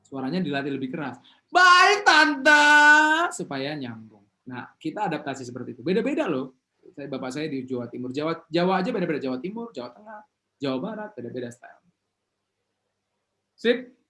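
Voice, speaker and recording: Speaking fast at a medium pitch, this man runs a motivational seminar through a video call. His energy is high, and he draws the crowd into call-and-response exchanges.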